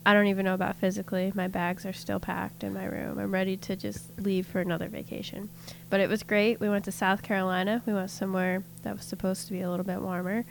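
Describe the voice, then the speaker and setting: A woman's voice: mid-range voice, flat delivery, quick pace, gravelly, a little hiss or hum. A woman hosting a casual talk show, chatting and laughing easily while telling anecdotes. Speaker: host. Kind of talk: casual chat.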